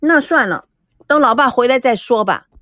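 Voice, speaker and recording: A woman voicing a tearful, indignant teenage granddaughter who pleads in a high, whiny voice. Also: expressive, normal speed, fairly bright tone, dry recording, clean studio sound. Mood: pouting.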